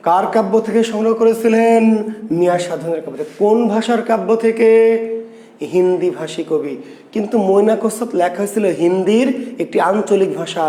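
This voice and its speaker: A man's voice: sits high, dark tone, echoey room. A man teaching a literature class, asking questions and answering them himself, repeating key terms. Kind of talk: classroom lecture.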